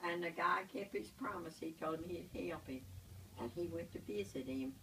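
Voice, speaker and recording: Creaky, low-voiced sweet old granny. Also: female voice, normal speed, bright, forceful tone. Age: older. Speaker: grandmother telling a joke. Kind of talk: homespun joke storytelling. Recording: distant mic, faint background noise.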